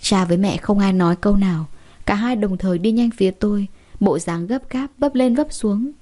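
A woman's voice: mid-range voice, moderate pace, dark tone. A woman narrating a first-person story in an emotive, chatty way.

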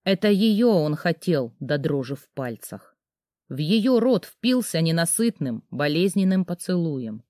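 A woman narrating an audiobook with a lively, expressive reading. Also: sits low, measured pace, no room sound, clean studio sound.

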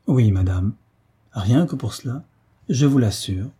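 A man's voice: mid-range voice, lively intonation, unhurried, mellow, breathy edge. A man voicing a respectful, earnest young page in an audiobook story.

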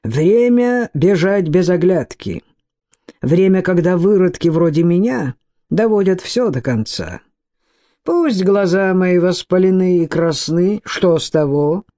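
A woman voicing a huge, gruff man who talks slowly with scorn and brooding menace. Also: on the low side, lively intonation, dark tone. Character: huge gruff mocking man, reckless and grim.

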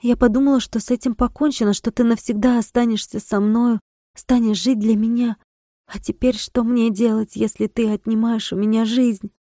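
A woman's voice: fairly high pitch, fairly even intonation, moderate pace, mellow, no room sound, studio quality, pitched above the performer's own voice. Woman voicing a wild, impassioned young village girl. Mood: desperate. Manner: pleading, impassioned.

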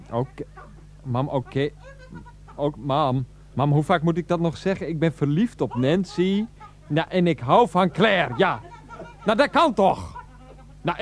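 A man with a voice on the high side plays a grown son on the phone with his mother in a naturalistic radio comedy drama. Exasperated and defensive, he halts and repeats himself trying to placate her.

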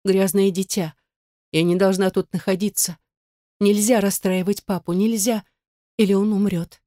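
A woman voicing a frightened little girl, the count's daughter, in a high, pleading voice. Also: steady tone, normal speed, dark tone, dry recording, studio quality, natural voice. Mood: tearful. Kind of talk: audiobook role reading.

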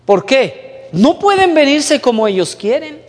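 A man preaching to a youth group, lively and conversational, mimicking whiny young voices and dropping low for emphasis. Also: a little slow, in a large hall. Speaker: youth pastor. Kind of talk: sermon.

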